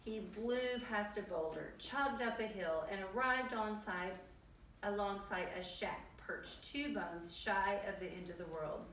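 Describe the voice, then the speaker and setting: Woman reading a kids book out loud, playful and lively, echoey room far from the mic. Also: mid-range voice, measured pace, a little hiss or hum. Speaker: storyteller. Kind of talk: reading a picture book aloud.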